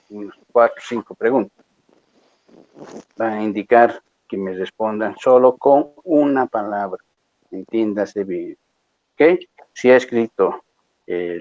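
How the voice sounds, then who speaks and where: In dull-sounding audio, a male university lecturer patiently explains the exam rules to his class, frequently checking whether the students are following. His voice is lowish and somewhat dark.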